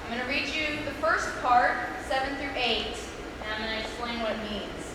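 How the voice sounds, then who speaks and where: A woman's voice: a little high, steady tone, normal speed. A woman leading a youth group Bible talk in a teacherly way, reading aloud and putting questions to her listeners. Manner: teacherly, prompting listeners to respond. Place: large reverberant room, recorded from a distance. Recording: echoey hall, distant mic, clear background noise.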